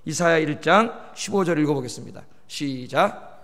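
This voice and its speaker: A man's voice: a little high, lively intonation, normal speed, fairly bright tone. A male pastor preaching a sermon, emphatic, pleading with the congregation and firing questions at them. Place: church sanctuary. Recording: long church reverb.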